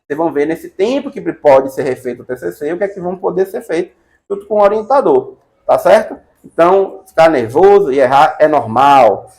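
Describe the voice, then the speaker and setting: A man's voice: a little high, lively intonation, a little fast, vocal fry, a little mellow. A middle-aged Brazilian man teaching casually, chatty and encouraging, often adding "né" and "tá bom". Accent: Brazilian Portuguese. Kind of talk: casual advice lesson.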